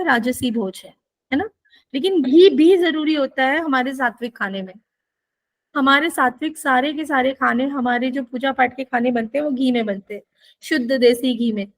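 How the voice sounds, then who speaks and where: A woman's voice: sits high, fairly bright tone, no room sound. A woman giving a spiritual teaching session, explaining and often asking listeners rhetorical questions.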